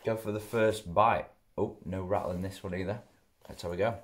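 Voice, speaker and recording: A man's voice: sits low, fairly even intonation, normal speed. A young man, chatting casually as he reviews food at home, talking through bites. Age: young adult. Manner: chatty, rambling, mouth often full while chewing. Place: living room at home, indoors. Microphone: camera close in front.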